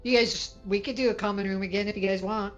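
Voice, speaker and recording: Female game player, medium pitch, relaxed table chat. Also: quick pace, soft background music. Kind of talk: casual chat.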